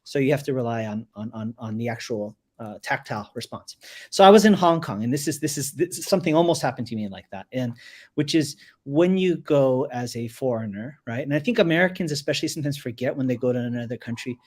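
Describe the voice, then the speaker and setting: A man in his forties telling a story in a relaxed, talkative way, often repeating words as he goes. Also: mid-range voice, fast talker. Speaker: resident kung fu master. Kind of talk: casual storytelling on a live show.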